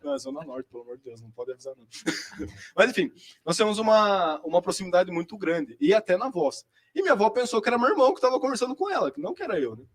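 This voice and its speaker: A man's voice: sits high, very animated, fast talker. A young man with a Brazilian Portuguese accent telling a personal testimony in a chatty, slangy way. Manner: chatty and slangy, lots of fillers. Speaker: seminarian giving a vocation testimony. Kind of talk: casual personal storytelling.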